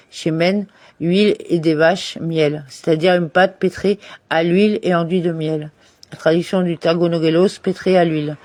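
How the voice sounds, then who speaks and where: A man with a fairly high voice reads a study text aloud in a steady lesson style. He stumbles now and then and corrects himself. The sound is dry and close, with no room around it. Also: no echo. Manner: reads steadily, with occasional restarts and self-corrections. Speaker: Torah study reader. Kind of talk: reading a commentary text aloud.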